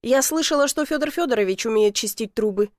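A woman's voice: on the high side, brisk, no echo, studio quality, natural voice. A woman reading a teasing young village woman.

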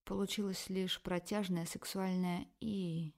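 A woman with a low-pitched voice narrating a first-person erotic novel as an audiobook. Her reading is expressive and emotional, leaning into every feeling of the heroine. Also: moderate pace, creaky.

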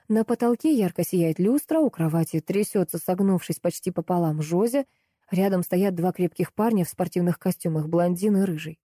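A woman narrating a novel in first person, reading in a lively, expressive way close to the mic. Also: on the low side, moderate pace, slightly rough, no echo. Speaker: audiobook narrator.

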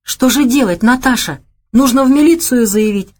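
A woman's voice: medium pitch, lively intonation, normal speed, lightly acted. A frightened old grandmother, voiced by a woman reading an audiobook, tearful and pleading. Her lines come out raised and shaky with worry. Storybook reading.

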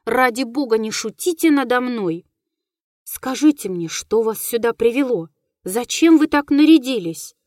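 A woman's voice: a little high, lively intonation, unhurried, a little mellow, no room sound, studio quality. A woman reading the lines of a polite, frightened young nobleman in an audiobook. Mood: alarmed. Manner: earnest, alarmed.

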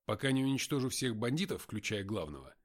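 A man reads an audiobook in the first person, voicing the hero's wry inner monologue. His delivery is expressive, with lively swings in pitch. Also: quick pace. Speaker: audiobook narrator.

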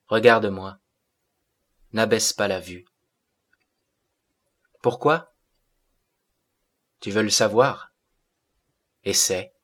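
A man reading the part of a calm, gentle adolescent being with a fatherly tone in an audiobook. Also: lowish voice, drawn-out words, long pauses, heavily acted. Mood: firm. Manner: calm, reassuring.

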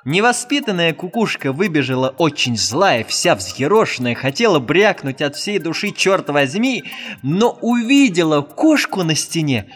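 A man reads a fairy tale aloud with a fairly high, lively voice that rises and falls a lot. His storytelling is expressive and animated, with faint music underneath. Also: moderate pace, hardly any pauses. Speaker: audiobook narrator. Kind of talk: storybook narration.

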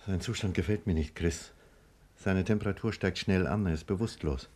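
A male actor voices a cautious, serious doctor recounting a disaster in a 1950s German radio play set to music, acting and narrating. His low, slightly mellow voice sounds grave and worried, and he speaks slowly and deliberately with careful phrasing.

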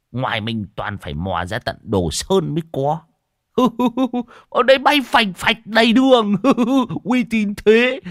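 A man's voice: sits high, no room sound, studio quality, voice pushed up, heavily acted. A man doing a cackling lecherous old man. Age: older. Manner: loud, crude, cackling.

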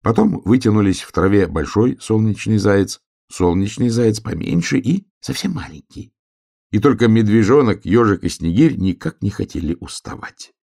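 Lively low-voiced male storyteller. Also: moderate pace, vocal fry. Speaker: narrator. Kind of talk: storybook reading.

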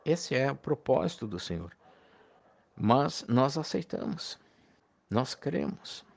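A man's voice: fairly high pitch, creaky, darkish tone. A man preaching a recorded sermon to fellow believers, in an earnest, pleading and heartfelt manner.

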